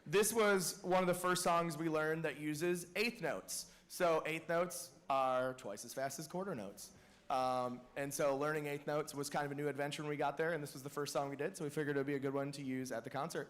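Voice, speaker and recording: A man's voice: on the high side, brisk, a bit bright. A man directing a school band, announcing each song to the audience with chatty, joking asides. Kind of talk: announcing songs at a school concert.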